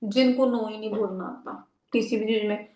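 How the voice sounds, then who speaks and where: A woman's voice: mid-range voice, steady tone, normal speed, a little mellow, roomy sound. A woman giving a live spiritual healing lesson in a conversational way. She mixes in English words, keeps checking in with her listeners and acts out the people she quotes. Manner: frequent "theek hai ji" check-ins. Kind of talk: live spiritual teaching talk.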